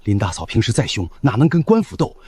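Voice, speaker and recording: A man's voice: medium pitch, huge pitch swings, fast talker, a little mellow, husky, dry recording. An actor playing a timid, gossiping villager who frets as he speaks. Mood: fearful. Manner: fretful, gossipy.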